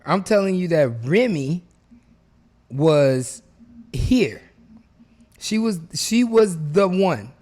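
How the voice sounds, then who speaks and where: A man's voice: sits high, animated, slow pace, long pauses, darkish tone. A man co-hosting a podcast in casual chat, speaking in an emphatic, slangy, boastful way. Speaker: podcast co-host.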